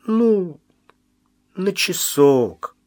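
A man's voice: sits high, sing-song, extremely slow, darkish tone, no room sound, clean studio sound, voice pushed up, exaggerated voice. A man voicing a playful young wife who pouts, coaxes and acts offended, in an audiobook reading. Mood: coaxing. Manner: pouting, coaxing, mock-offended. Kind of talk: audiobook character voice.

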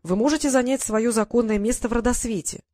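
The reader voices a gloomy male council leader who speaks slowly and formally. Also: medium pitch, darkish tone, pitched above the performer's own voice, natural voice.

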